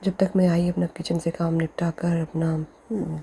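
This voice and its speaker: Low, flat-voiced woman devotee. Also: gravelly, slight background noise. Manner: soft, halting, often addresses listeners as sangat ji. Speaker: devotee sharing a testimony. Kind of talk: devotional testimony.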